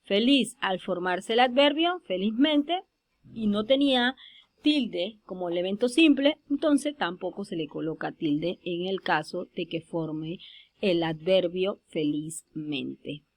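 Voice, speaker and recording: A woman giving a spoken grammar lesson over slides, slowing down to stress example words. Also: medium pitch. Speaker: teacher.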